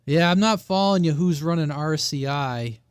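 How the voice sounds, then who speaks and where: A man's voice: fairly high pitch, normal speed, background noise. A man chatting casually and bluntly as a radio operator hosting a live channel.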